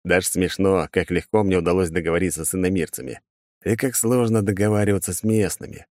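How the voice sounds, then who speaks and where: Low male audiobook reader, measured and even, dry close mic. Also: no room sound. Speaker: audiobook narrator. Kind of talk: first-person audiobook narration.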